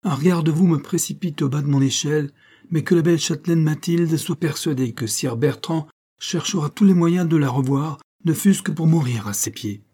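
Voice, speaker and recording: Courtly marquis all fired up, pitched higher than usual, husky tone, a guy reading doing the voice. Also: moderate pace, mellow. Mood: ardent. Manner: courtly, impassioned declaration. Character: gallant male marquis, courtly and devoted.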